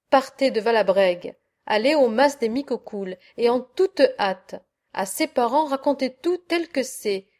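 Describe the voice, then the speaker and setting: A lovesick young peasant man, poor and impassioned, pleading with his father, read by a woman. The voice is fairly high. It is a storybook figure read aloud. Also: darkish tone, lightly acted. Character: passionate young poor basket-weaver, lovesick.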